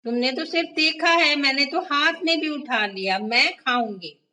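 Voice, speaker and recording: A woman doing Tini, a loud stubborn cat girl. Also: moderate pace, distant mic. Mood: protesting. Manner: shrill, loud protesting. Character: clever young female cat, stubborn.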